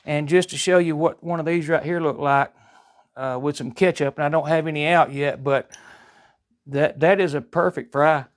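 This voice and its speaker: A man's voice: on the high side, steady tone, normal speed. A man with a Southern US accent casually demonstrating home cooking in a folksy, rambling, chatty way. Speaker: home cooking vlog host.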